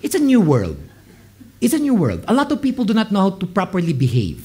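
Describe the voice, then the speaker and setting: Late-20s male pastor, high voice, expressive sermon storyteller. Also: a little fast. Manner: animated storytelling, mixing Tagalog and English, acting out quoted people.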